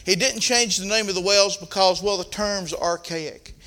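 A man's voice: high voice, normal speed, pushed and bright, faint music behind. An older man with a Southern accent preaching a sermon in a folksy style, reading scripture and rising into emphatic points. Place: church platform, roomy.

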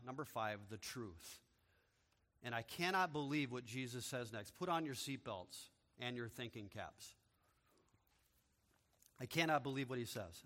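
A man preaching an expository sermon as a pastor, moving from quiet explanation to loud, emphatic proclamation. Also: mid-range voice. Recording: long reverb of a large hall.

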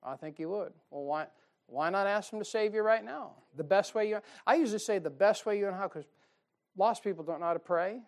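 Guy preaching a sermon, loud bursts then quiet asides, drags out the bible verses. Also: sits high. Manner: swings between loud emphasis and quiet asides; reads scripture in slow, drawn-out emphasis. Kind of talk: sermon teaching soul-winning.

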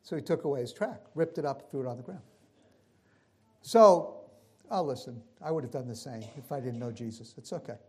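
A man preaching, telling a story with punchy, animated delivery and acted-out dialogue. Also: medium pitch, brisk, slightly rough. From New York. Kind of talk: storytelling sermon.

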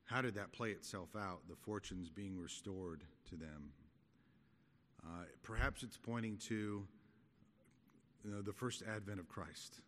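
Middle-aged male Bible teacher, lowish voice, conversational and halting delivery, recorded in a hall with long reverb. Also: fairly bright tone, a little hiss or hum. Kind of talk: expository Bible study sermon.

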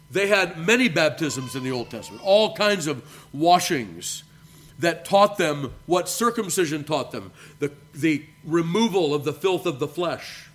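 A man, a pastor, preaching a measured sermon and reading scripture aloud. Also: a little high, fairly bright tone. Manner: addresses listeners as beloved.

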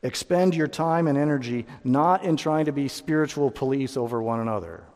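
Male pastor preaching, emphatic and mellow, church hall echo. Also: medium pitch, moderate pace. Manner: emphatic, rising to loud peaks. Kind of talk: sermon. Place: church sanctuary.

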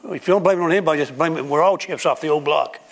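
A man's voice: on the high side, racing, vocal fry. A man preaching a sermon to a congregation, telling homely stories and acting out everyday scenes. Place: church room with a congregation.

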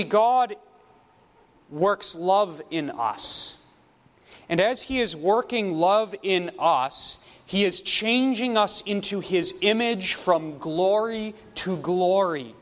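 Slow, emphatic high-voiced male preacher. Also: a bit bright, long reverb tail. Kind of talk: sermon.

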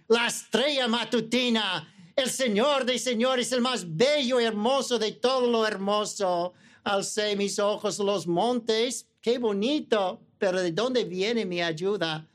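Emphatic male preacher, stacked phrases. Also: sits high. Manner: emphatic, building repeated parallel phrases; self-correcting mid-word. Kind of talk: Sunday sermon.

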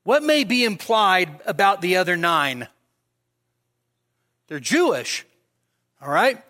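A man's voice: high-pitched, big pitch swings, slow pace, pushed and bright. A man preaching a sermon in a conversational way, often asking his listeners rhetorical questions. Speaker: pastor.

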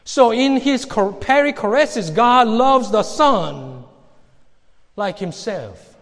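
Male preacher, high and lively voice, slow deliberate delivery, long hall reverb in a church hall. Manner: emphatic, reads scripture slowly and pointedly. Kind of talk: sermon.

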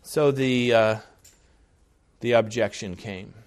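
Male pastor, sermon delivery, unhurried and earnest, medium pitch, emphatic repetition. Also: clear, resonant tone. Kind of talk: expository sermon.

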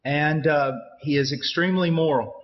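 Guy preaching a sermon, earnest, punchy short lines w pauses, slightly higher voice, muffled audio. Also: steady tone. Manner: earnest, emphatic short phrases.

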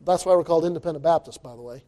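This preacher's fairly high-pitched voice comes out rapid-fire through the pulpit microphone; he leans on repetition and emphasis, climbing to booming outbursts as he preaches.

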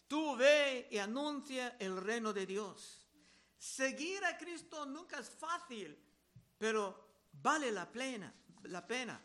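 A male preacher with a very high, bright, forceful voice, teaching through a Bible passage verse by verse. He reads scripture aloud, then explains it, often echoing his own key words for emphasis.

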